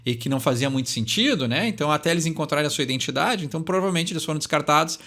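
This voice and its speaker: A man's voice: fairly high pitch, expressive, very fast, pushed and bright. A young man, hosting a channel and casually explaining song lyrics, thinking aloud and ending phrases with tag questions.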